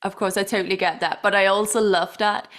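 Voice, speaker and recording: A woman's voice: medium pitch, fairly even intonation, brisk, fairly bright tone. Effusive woman podcast host from Denmark. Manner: effusive, many fillers and restarts. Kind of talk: warm interview chat.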